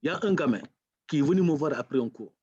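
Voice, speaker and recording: A man from Senegal with a Senegalese accent, a lecturer speaking as a talk-show guest and telling stories with animated, acted-out dialogue. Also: fairly high pitch, fast, slightly rough, dry recording, lo-fi sound. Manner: animated storyteller, acts out quoted dialogue. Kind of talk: casual talk-show conversation.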